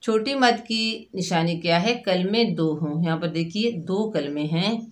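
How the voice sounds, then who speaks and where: Slow, measured woman teaching recitation. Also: on the low side. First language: Urdu. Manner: explains each letter, then sounds out syllables slowly. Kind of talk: slow step-by-step tajweed lesson.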